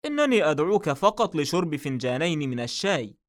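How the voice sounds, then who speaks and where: A calm, confident male detective in a novel read aloud, voiced by a man. He speaks with quiet authority and is never rushed. The voice sits somewhat higher than the narrator's own. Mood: calm, firm. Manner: calm and assured, slightly raised pitch.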